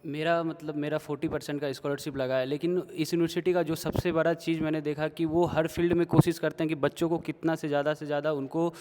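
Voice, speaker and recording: A young male student from Bihar answers earnestly in a casual interview, his fairly high voice staying very flat and even. His words echo with a long reverb in the room. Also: fast talker, hardly any pauses, a little hiss or hum. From Bihar, India. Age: 20s. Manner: earnest, steady, with many fillers. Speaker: third-year student. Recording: echoey room.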